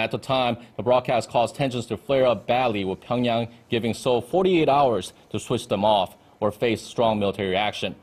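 A man in his thirties, with a lowish and slightly mellow voice, gives a live news report as a correspondent in an indoor briefing room. He speaks into a handheld-style reporter mic resting on a desk.

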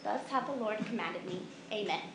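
A woman's voice: medium pitch, normal speed. A woman giving a recitation of scripture. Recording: echoey room with loud background noise.

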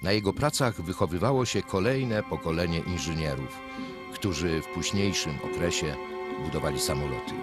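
A very deep male voice delivers scripted documentary narration evenly and with measured control. Loud orchestral-style music plays behind the voice-over from start to finish.

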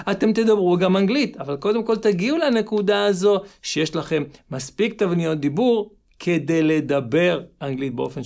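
An Israeli-accented man speaks in a high voice with a marked creak in it. He teaches like a motivational coach, exhorting the listener emphatically and repeating short phrases to drive each point home. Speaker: English teacher and channel host. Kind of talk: motivational lesson to camera.

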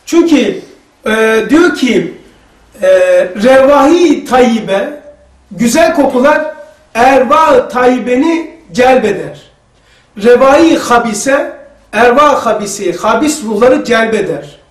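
Male religious teacher, high voice, lively storyteller, roomy sound from off-mic. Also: slow pace, recorded from a distance. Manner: lively storytelling, acting out dialogue. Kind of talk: religious lesson to a group. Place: lesson room.

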